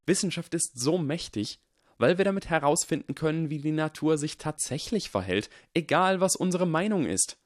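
A man reading the part of a calm, earnest young wizard who explains his reasoning in a measured, persuasive way. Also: fairly high pitch, dry recording, clean studio sound, voice pushed up, natural voice. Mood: earnest lecturing. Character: calm, earnest boy wizard lecturing on science.

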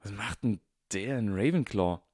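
A man voicing a dim, thuggish boy henchman who grumbles slowly. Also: on the low side, lively intonation, a little mellow, slightly rough, no echo, studio quality. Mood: grumbling. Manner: grumbling, slow.

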